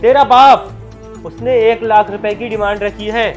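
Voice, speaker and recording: An actor playing a young husband, irritated and agitated at being blackmailed, over background music. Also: male voice, high-pitched, little pitch movement, normal speed, natural voice. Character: young husband caught in a dowry blackmail, man. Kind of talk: web-series family drama acting.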